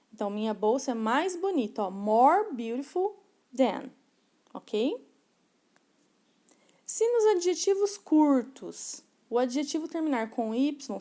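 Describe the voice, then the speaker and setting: A woman teaching English grammar to learners, patiently explaining, checking in with short tags and slowing down to read example sentences. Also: on the high side, warm tone.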